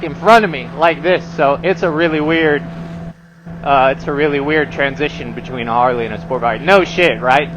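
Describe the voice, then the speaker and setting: Man, fairly high-pitched voice, casual motorcycle vlogging, slangy swearing, light outdoor road noise. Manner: informal, slangy and profane. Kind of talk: casual riding commentary to viewers. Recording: noisy outdoor motorcycle ride, engine and traffic.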